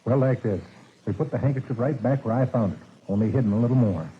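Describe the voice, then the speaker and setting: An actor playing a nervous, fretful theater manager in a 1940s radio drama. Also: male voice, medium pitch, quick pace, a little hiss or hum, close to an everyday voice. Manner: fretful, talkative. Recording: tinny old radio broadcast.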